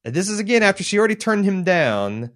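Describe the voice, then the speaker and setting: A man's voice: high voice, big pitch swings, fast talker, a bit bright. A man co-hosting a podcast, reading listener mail and retelling a TV scene in casual, conversational chat. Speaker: podcast co-host.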